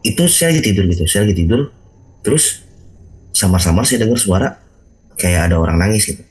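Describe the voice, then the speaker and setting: A low-pitched man tells a ghost story over a video call. He talks casually and animatedly, acting out sounds and leaping up in pitch at the tense moments. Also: fairly quick, rough recording. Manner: animated, acts out sounds and quotes with big pitch jumps. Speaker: host telling his own ghost story.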